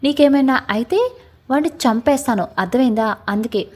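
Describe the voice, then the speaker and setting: A woman's voice: high-pitched, animated, normal speed, a little mellow, slightly rough. A woman voicing a protective, bossy young man who scolds and insists. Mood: insistent.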